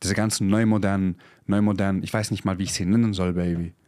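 Brief: thirties male podcast host, low-pitched, fiery motivational preacher, dry close mic. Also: steady tone, fast talker, dark tone, smooth, dry recording. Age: 30s. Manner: intense, preachy, swears, drops English phrases. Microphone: podcast microphone.

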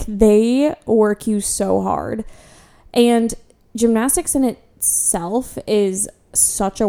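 Chatty young woman, mellow voice. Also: medium pitch. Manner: chatty, candid, self-deprecating, frequent "like" fillers. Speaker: vlogger. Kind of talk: casual personal storytelling.

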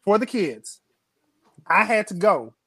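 A man co-hosting a podcast, talking in casual, animated group banter. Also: high voice, slow pace, slightly rough, no room sound, clean studio sound. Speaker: podcast co-host.

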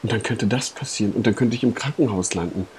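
A man playing Steve in an improvised comedy audio drama, bossy and exasperated with quick comebacks. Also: fairly low pitch, a little mellow. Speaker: podcast host playing Steve. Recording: reverberant recording with faint hiss.

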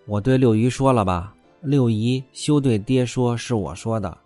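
A man's voice: mid-range voice, normal speed, a little mellow, no echo, faint music behind, lightly acted. A man voicing a clever, tactful young male servant who talks in a coaxing, placating way. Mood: evasive.

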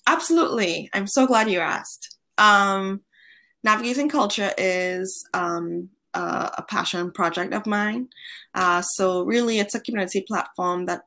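A young woman from Trinidad and Tobago, a guest on a podcast interview who talks in a friendly, animated way with frequent ums. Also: medium pitch, a little slow. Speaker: guest, founder of an online platform.

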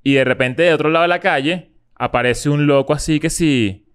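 A man, co-hosting a casual podcast chat and telling stories with acted-out shouts. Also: fairly high pitch, brisk, clear, resonant tone. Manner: animated storytelling with acted-out shouts. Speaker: podcast co-host.

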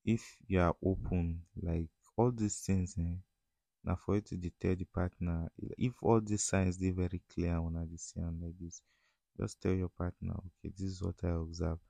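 A man's voice: deep voice, little pitch movement, normal speed, creaky, warm tone, no room sound. A man with a Nigerian accent chats casually as a solo podcast host, in informal, slangy speech that often slips into Pidgin.

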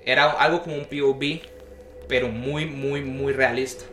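A man's voice: medium pitch, moderate pace, soft background music. A young man, telling a story in casual chat and acting out the voices he quotes. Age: young adult. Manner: animated, acts out the voices he quotes. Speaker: podcast guest telling a story. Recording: roomy echo.

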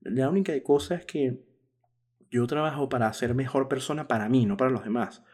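A man in his thirties with a warm, relaxed voice hosts his own podcast. He thinks aloud in a loose, candid monologue at a middle pitch, chuckling at himself now and then. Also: normal speed. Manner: thoughtful, frank, laughs at himself. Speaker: podcast host. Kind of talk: casual reflective monologue.

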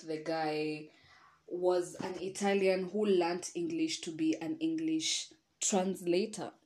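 Lowish-voiced woman rambling thru a show review on her podcast, kinda echoey room. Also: a little mellow, a little hiss or hum. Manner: chatty, frank, rambling with asides and sighs. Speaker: podcast host. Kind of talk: casual solo review monologue.

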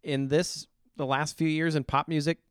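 Blunt middle-aged man, smooth dry voice. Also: a little high, little pitch movement, normal speed, no echo. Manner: blunt, opinionated critic. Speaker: podcast co-host reviewing songs. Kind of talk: casual chat.

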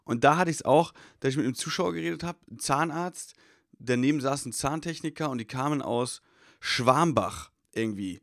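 A man, a stand-up comedian, chatting casually and telling animated anecdotes about his gigs. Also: mid-range voice, moderate pace, dry recording, studio quality. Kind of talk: casual chat.

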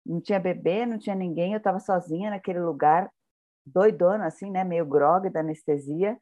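A Brazilian woman co-hosting a podcast, talking in slow, reflective casual chat with joking asides. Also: on the low side, dark tone, dull audio. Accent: Brazilian Portuguese. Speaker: podcast co-host.

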